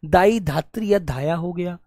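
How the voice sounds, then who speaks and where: A man teaching an online Hindi class, listing word pairs in a steady drill and calling his students "beta". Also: high voice, normal speed, no room sound, studio quality. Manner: affectionate, calls students "beta"; clears throat now and then. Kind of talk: online exam-prep class.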